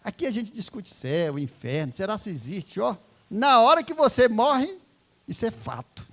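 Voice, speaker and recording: A man preaching an emotional testimony sermon in church, swinging from hushed words to fervent loud exclaiming. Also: high voice, lively intonation, normal speed.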